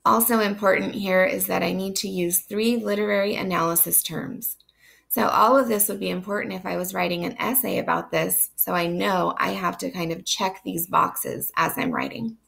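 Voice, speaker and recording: A woman's voice: mid-range voice, normal speed, a bit bright. A woman teaching literature in a recorded online lecture. She is sick and losing her voice, so it sounds strained, and she explains steadily with frequent ums. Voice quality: gravelly, strained voice. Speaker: literature instructor.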